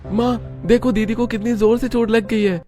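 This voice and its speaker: Squeaky cartoon little boys. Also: male voice, steady tone, normal speed, warm tone, soft background music. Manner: taunting, high-pitched childish voice. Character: three mischievous little boys, the brothers.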